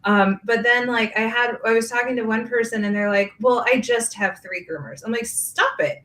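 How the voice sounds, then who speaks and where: An upbeat woman with a bright, forceful voice who rambles cheerfully and laughs easily as she chats. She sounds like she is in a roomy, echoey space. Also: a little high, steady tone, fairly quick. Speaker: podcast host, grooming business owner. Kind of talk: casual podcast conversation. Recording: echoey room.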